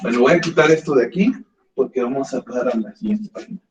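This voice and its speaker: A man's voice: mid-range voice, expressive, fast talker, a little hiss or hum. A man teaching a math class, patiently guiding students step by step. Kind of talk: classroom lesson. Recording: echoey classroom, dull lo-fi sound.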